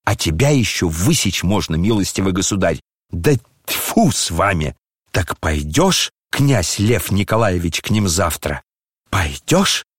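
A man's voice: sits low, sing-song, a little slow, slightly rough, no room sound, studio quality, full character voice. A man reading an audiobook voices a fiery, indignant older noblewoman with scolding outbursts. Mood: furious.

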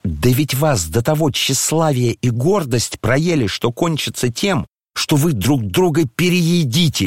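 A man's voice: fairly high pitch, no echo, pitched above the performer's own voice. An indignant older noblewoman, voiced by a man lashes out in scolding bursts. The voice sits well above his own, and the recording is dry and close. It is storybook reading, not a full stage performance. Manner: scolding outbursts, exclamations.

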